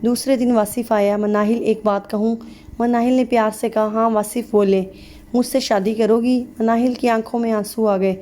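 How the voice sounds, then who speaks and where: A woman's voice: on the high side, steady tone, mellow. A woman reading a sad story aloud as scripted narration, voicing every part in one plain voice.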